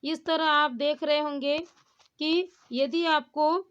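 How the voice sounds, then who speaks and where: A woman with a high voice teaches a grammar lesson at a steady pace. She keeps putting questions to her students and answering them herself. The recording sounds muffled and lo-fi. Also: takes it slowly. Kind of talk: classroom lesson explaining poetic meter. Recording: dull lo-fi sound.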